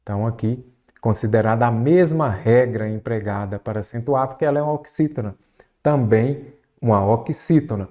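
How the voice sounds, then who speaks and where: A man teaching Brazilian Portuguese spelling for an exam, asking the viewer many quick rhetorical questions. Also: mid-range voice. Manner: lively, varied pace, rhetorical questions to the viewer. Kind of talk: exam-prep lesson. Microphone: recorded for an online video lesson.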